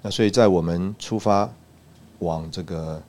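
Low-voiced man telling a church testimony. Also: a little mellow. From Taiwan. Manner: halting, many "uh" and "ah" fillers. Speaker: church speaker giving a testimony. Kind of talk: recounting a personal testimony.

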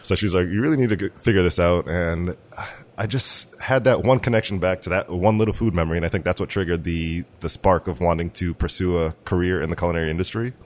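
A man from Massachusetts, a chef and restaurant owner, talks in a casual interview. His voice is very deep. He tells his story in an easygoing, enthusiastic way. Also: fast talker.

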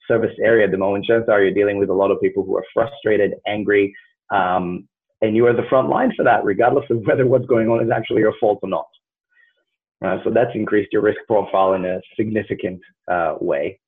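Male host, low and husky, earnest, filler-heavy, tinny phone-line sound. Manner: earnest, hedging with many fillers. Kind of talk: casual conversation.

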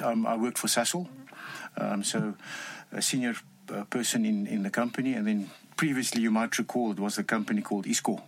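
An older man with a broad South African Afrikaans accent, a native Afrikaans speaker, answering haltingly as a guest in a casual interview. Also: medium pitch.

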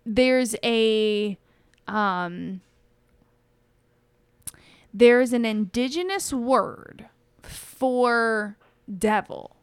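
A woman's voice: on the high side, extremely slow, long pauses, clear, resonant tone, no room sound, clean studio sound. A woman co-hosting a podcast, telling a story in a rambling, chatty way and often correcting herself. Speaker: podcast co-host. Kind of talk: casual storytelling chat.

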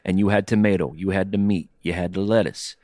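A man co-hosting a podcast in casual comedic banter, deadpan and mock-formal in his phrasing. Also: low-pitched, brisk, dry recording, clean studio sound. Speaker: podcast co-host.

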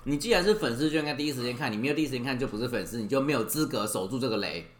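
A man's voice: mid-range voice, rapid-fire. A man co-hosting a casual podcast, telling stories in a rambling way with restarts. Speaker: podcast co-host. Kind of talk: casual storytelling chat.

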